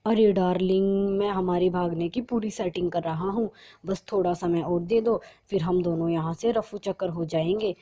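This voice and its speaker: A woman voicing a smooth-talking young male lover in a romantic, coaxing manner. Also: lowish voice, steady tone, normal speed, mellow, lo-fi sound, close to an everyday voice. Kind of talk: storybook narration.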